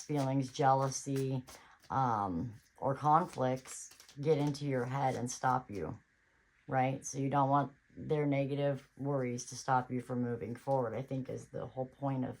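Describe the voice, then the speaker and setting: A woman's voice: extremely low pitch, a little mellow, a little hiss or hum, rough recording. A woman giving a casual tarot reading on her channel, chatty and reassuring, thinking aloud as she goes. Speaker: tarot reader.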